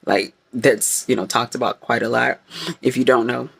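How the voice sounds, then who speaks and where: A woman's voice: very deep voice, moderate pace, vocal fry, husky. A woman vlogger giving a casual, rambling faith talk straight to her viewers, dramatic by her own account. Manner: rambling and animated, self-described dramatic; talks to viewers directly, with frequent fillers.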